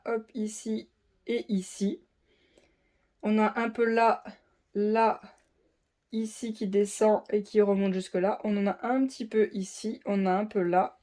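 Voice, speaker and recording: Woman calmly walking viewers through a craft kit. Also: medium pitch. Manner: methodical, lists codes and points out spots; chatty, addresses viewers directly. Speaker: diamond painting channel host. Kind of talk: casual unboxing walkthrough.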